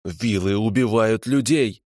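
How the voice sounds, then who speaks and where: A man's voice: mid-range voice, sing-song, normal speed, a little mellow, no room sound, studio quality. A man voicing a fanatical, embittered male prisoner who spits out spiteful accusations. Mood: screaming.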